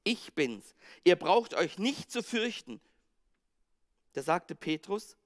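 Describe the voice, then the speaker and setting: A male pastor with a Swiss German accent preaching a sermon, acting out the scene with sudden swings from loud outbursts to hushed words. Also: high voice, big pitch swings, slow. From Switzerland. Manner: dramatic, acts out the disciples' panic and Jesus' words, swings from loud to hushed.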